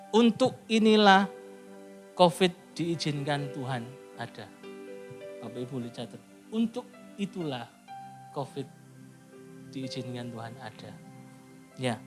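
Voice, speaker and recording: A middle-aged man preaching a sermon in church, swinging from lively high calls to a near hush, with a lilt. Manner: animated preaching, rising high then dropping to a near hush. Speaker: pastor. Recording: soft piano music behind.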